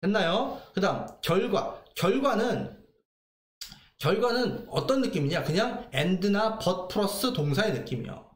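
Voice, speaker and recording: A man teaching English grammar in a lively lecture, asking questions and answering them himself. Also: sits high, measured pace, roomy sound. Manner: lively, asks and answers his own questions.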